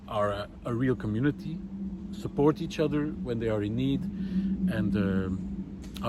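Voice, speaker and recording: A vlogger gives an unscripted, reflective monologue outdoors in a wooded park, speaking thoughtfully and hesitantly. His voice is on the low side, and heavy background noise surrounds it.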